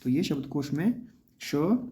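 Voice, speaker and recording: Mellow-voiced man teaching exam questions. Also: a little high, sing-song, a little slow. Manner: explains patiently, asks and answers his own questions. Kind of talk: exam prep lesson.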